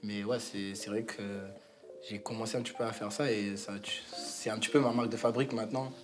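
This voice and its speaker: A man telling a story to friends in a casual, halting way, full of slang and fillers. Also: fairly low pitch, steady tone, over music. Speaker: guest.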